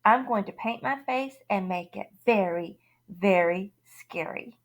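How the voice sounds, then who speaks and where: A woman's voice: mid-range voice, unhurried. A woman voicing an eager young boy in a read-aloud storybook, speaking plainly and pleadingly. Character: excited young boy trick-or-treater.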